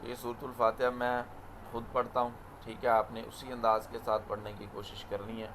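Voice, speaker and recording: A man teaching prayer and scripture to a student, speaking gently and then reciting in slow, drawn-out phrases for the student to repeat. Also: mid-range voice, monotone, noisy background. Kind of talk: online lesson to a student.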